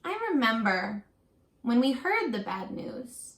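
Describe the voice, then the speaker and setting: A woman with a fairly high, very bright voice reads a children's picture book aloud slowly, like a teacher addressing her pupils directly. Expressive and encouraging, she pauses for little questions and asides, and the room gives a noticeable echo.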